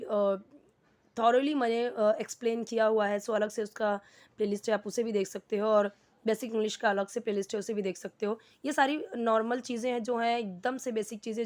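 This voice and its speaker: A woman's voice: on the high side, a little mellow. Patient woman teaching English. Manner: patient, asks and answers her own questions. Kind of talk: explaining a lesson.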